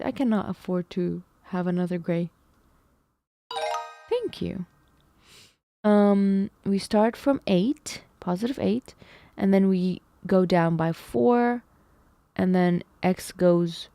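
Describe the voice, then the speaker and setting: Her voice is medium in pitch and dark, with some vocal fry. She's a streamer musing over math problems out loud, doubting her own answers and talking to chat, and she senses her voice giving out.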